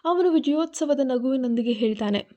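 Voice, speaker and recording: A woman's voice: high-pitched, lively intonation, a little fast, mellow, highs cut off. A woman telling an emotional family drama as a storyteller. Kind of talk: storytelling narration.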